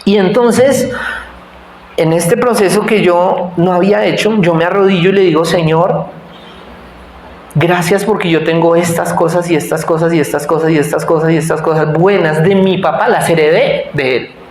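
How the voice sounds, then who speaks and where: A man's voice: fairly high pitch, fairly even intonation, moderate pace, darkish tone, slight background noise. A man in his forties, a pastor preaching a sermon in a conversational, joking way and asking the congregation to answer him. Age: 40s. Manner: conversational, self-deprecating, asks the congregation to answer. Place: church hall. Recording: echoey church hall.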